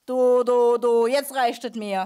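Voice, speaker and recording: Lady puppeteer doing a huffy bossy dog catcher guy for a kids puppet show, high scolding voice. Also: normal speed, lightly acted. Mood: annoyed. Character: grumpy male dog catcher, bossy and easily fooled. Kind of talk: children's puppet theater.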